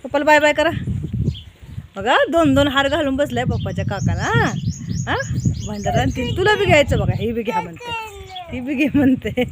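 Talking to her small children in a sing-song voice, this vlogger mom coaxes her toddlers during a casual home vlog. Her voice is a little high, with background noise behind it.

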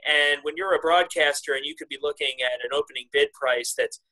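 A man in his thirties, an industry analyst, answering questions in a remote video interview from his office, measured with frequent restarts and emphatic pitch rises. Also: bright, forceful tone, low-quality recording. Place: office with wooden cabinets. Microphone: webcam video call.

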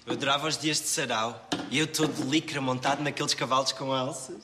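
An actor playing a vain, chatty young café worker with speech, telling stories in a gossipy, dramatic way. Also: male voice, medium pitch, steady tone, fast, background noise, close to an everyday voice. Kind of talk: sitcom acting.

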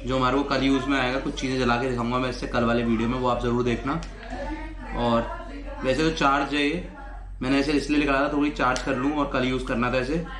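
A man's voice: mid-range voice, level tone, quick pace, crowd noise. A young man chatting casually as a vlogger at home, teasing and easygoing. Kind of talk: casual vlog chat. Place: home living room at night. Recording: echoey room with background noise.

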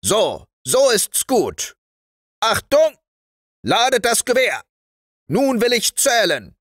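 Man putting on a bossy toy-soldier sergeant, high strained voice, barked orders, dry close sound, storybook. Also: huge pitch swings, takes it slowly, a bit bright, dry recording, exaggerated voice. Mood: commanding. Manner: barked commands.

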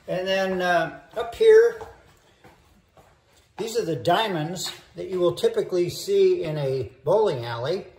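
A man's voice: sits high, darkish tone. A man in his sixties hosting a playful, rambling how-to demonstration in a home hallway, recorded on wireless earbuds. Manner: joking, playful, rambling with fillers. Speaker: host. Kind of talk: comic how-to demo. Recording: echoey hallway with faint noise.

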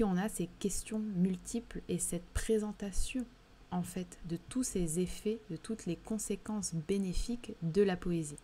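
A woman with a southern French accent leads a live discussion of poems, pausing often and restarting her phrases as she thinks aloud. Her voice sits slightly low and sounds warm and mellow. A faint hiss runs under the recording. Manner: thoughtful, hesitant, many fillers and restarts. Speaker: literary livestream host. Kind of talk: live book discussion reading chat questions.

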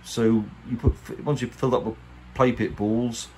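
With a medium pitch, fairly even intonation and a slightly slow, slightly mellow delivery, an English-accented man gives a chatty, colloquial hands-on tutorial as a boat restorer presenting a how-to. He's casual and plain-spoken; the handheld workshop recording has poor audio and clear background noise.

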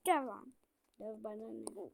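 A young woman chatting while playing a game with a friend, bossy, teasing and excitable, full of slang. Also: on the high side, unhurried, vocal fry, noisy background. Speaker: gamer. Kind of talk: casual gaming banter.

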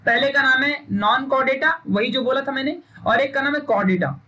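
Young male tutor, forceful and sharp-toned, drilling and scolding through a recorded lesson. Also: extremely high pitch, a little fast. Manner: emphatic, drills and repeats points; stern, scolding pep talk. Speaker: teacher. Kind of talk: recorded online science lesson.

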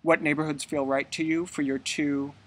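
A man's voice: fairly high pitch, little pitch movement, normal speed. A man, a real estate agent chatting in an easygoing way and explaining things plainly. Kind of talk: casual chat.

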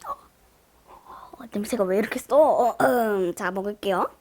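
A woman's voice: mid-range voice, unhurried, darkish tone, slight background noise. A woman chatting casually to viewers as host of a tasting challenge, whining and exclaiming with exaggerated sour-face reactions. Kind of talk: casual mukbang chat to viewers.

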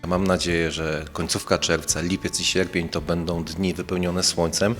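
A man with a low-pitched voice speaks as a local representative giving promotional interview remarks. Faint music runs underneath his words. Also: level tone, normal speed, a bit bright. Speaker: facility representative being interviewed.

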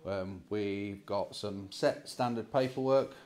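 This is a British property vlog host in his forties, chatting casually to camera in an empty house while holding a phone at arm's length. His voice is lowish and a little mellow, he speaks slowly, and there is slight background noise.

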